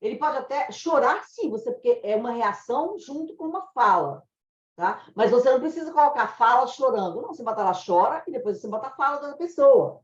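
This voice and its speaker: Brazilian woman, dubbing translation teacher, fairly high voice, roomy dull lo-fi recording. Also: animated, brisk. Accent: Brazilian Portuguese. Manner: chatty, explanatory, laughs at own anecdotes. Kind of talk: informal online lesson.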